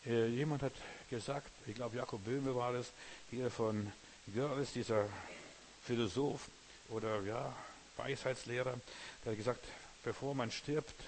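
A man's voice: mid-range voice, slight background noise. German preacher man, repetitive cadence. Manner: addresses the listener directly as "du", with repeated parallel phrases. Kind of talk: sermon.

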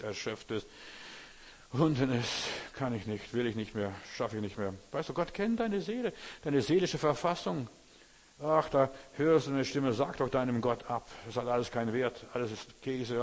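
Fervent preacher man in a reverberant hall. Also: medium pitch. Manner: fervent, addresses listener directly, repeats phrases. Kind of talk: sermon.

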